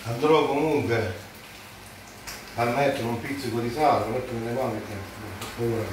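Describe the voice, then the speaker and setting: A man in his forties talks through a recipe in a very echoey kitchen, a little away from the mic. He speaks haltingly and casually, repeating himself, with clear sizzling noise behind him. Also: mid-range voice, far from the mic. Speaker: home cook presenting a recipe. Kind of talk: casual cooking demonstration. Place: home kitchen, indoors. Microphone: phone held by someone a few steps away.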